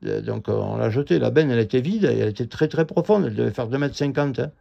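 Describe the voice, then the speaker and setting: A middle-aged man telling his own grievance in a halting, indignant ramble full of fillers and restarts. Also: medium pitch, lively intonation, gravelly. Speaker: vlogger telling a personal grievance. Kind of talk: rambling first-person account. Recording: dull lo-fi audio.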